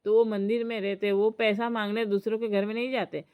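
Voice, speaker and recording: A woman's voice: medium pitch, little pitch movement, a little fast, a little mellow, smooth. A woman from Assam telling a story and giving earnest advice in a chatty vlog. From Assam, India. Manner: chatty, retells dialogue, gives earnest advice. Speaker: vlogger. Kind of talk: casual storytelling to camera.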